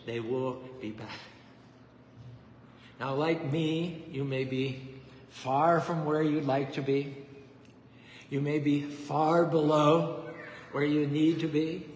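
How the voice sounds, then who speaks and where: A man's voice: a little high, fairly even intonation, slow pace, long pauses, reverberant, big-room sound, a little hiss or hum. A man giving an emphatic sermon, building his points through repetition. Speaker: preacher giving a feast talk. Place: temple hall.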